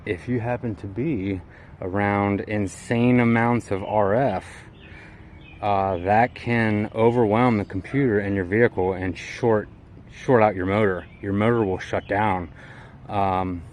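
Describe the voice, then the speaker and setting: In a fairly low, darkish voice, the vlogger gives an unscripted, colloquial tour of his vehicle build, peppered with hobbyist slang and a folksy manner. There's slight background noise.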